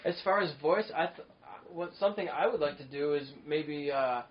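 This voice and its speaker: A male podcast host with a fairly high voice speaks at normal speed in a casual, rambling, excited chat packed with fillers. Sound quality is dull and lo-fi, with faint noise underneath.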